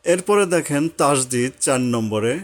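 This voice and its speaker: A man teaching Quran reading step by step, patiently repeating points and slowly sounding out each syllable. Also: medium pitch, animated. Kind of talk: step-by-step recitation lesson.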